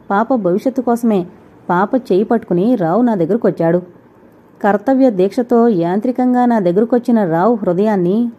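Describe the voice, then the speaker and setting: A woman narrating a novel in the first person, in a steady, emotive storytelling manner, on a dull lo-fi recording. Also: mid-range voice.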